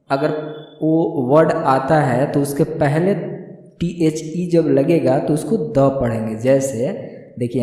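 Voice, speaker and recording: A man explaining grammar slowly and patiently, repeating words and checking that learners follow. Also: fairly high pitch, dark tone. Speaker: English teacher. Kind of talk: slow classroom explanation. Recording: very echoey room with long reverb.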